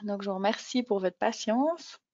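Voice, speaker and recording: A woman's voice: mid-range voice, lively intonation, normal speed, warm tone, dry recording. A woman hosting a webinar with an informal live introduction, speaking hesitantly and loosely. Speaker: webinar host. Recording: dry, slightly dull webinar audio.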